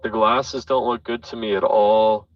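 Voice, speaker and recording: The host of a live audio chat, a man with a lowish voice and little pitch movement, speaks unhurriedly, far from the mic yet without echo. He thinks out loud in a rambling way, swearing and using lots of fillers. Faint noise sits under the dull, off-mic sound.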